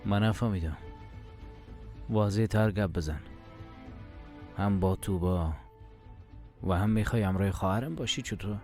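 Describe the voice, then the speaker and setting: An actor dubbing a hot-tempered young man who is defensive, confrontational and quick to anger. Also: fairly low pitch, warm tone, faint music behind, natural voice. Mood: irritated. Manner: confrontational, repeats demands to speak plainly.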